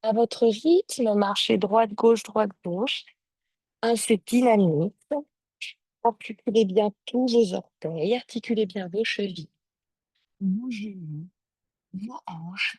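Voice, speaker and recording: A woman leads a yoga class, calling out each movement and breath in a calm, step-by-step way. She speaks slowly and without hurry, her voice at an ordinary middle pitch. The sound is dry and close, as through a video call microphone. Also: slightly rough, dry recording. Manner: calm, slow step-by-step instructions with breath counts. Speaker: yoga teacher. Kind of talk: guided yoga class cues. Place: home or studio, streamed on a video call.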